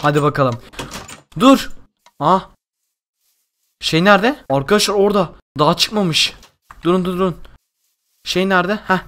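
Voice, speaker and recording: Excitable young gaming host. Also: male voice, high voice, normal speed, long pauses. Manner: excitable, exclamatory. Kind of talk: Minecraft role-play commentary.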